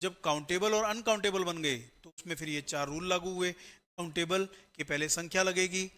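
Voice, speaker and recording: Speaking in a high-pitched, sharp-toned voice, a man teaches grammar to exam students through a step-by-step classroom lecture. He frequently checks in with a quick "right?".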